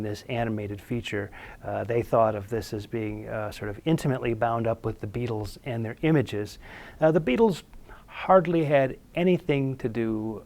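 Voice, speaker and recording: A man lecturing on music history in an easygoing, unscripted way. He pauses often with little fillers and restarts his sentences, and his pitch sits in a middling range for a man. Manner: relaxed, halting, many fillers. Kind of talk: casual recorded lecture.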